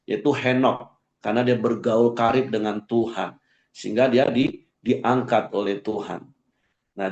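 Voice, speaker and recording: A pastor giving conversational Bible teaching at an online morning devotion, jumping up for emphasis and dropping low to close each point. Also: male voice, a little mellow, echoey room, lo-fi sound. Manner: conversational, rises sharply for emphasis, ends points with a low aside.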